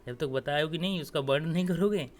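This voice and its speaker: Male teacher with a fairly high voice, coaching students through exam grammar in a direct, coaxing way. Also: a little fast. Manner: explains step by step, often adds "theek hai"; talks straight to students, coaxing. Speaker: Hindi teacher. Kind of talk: exam-prep grammar lesson.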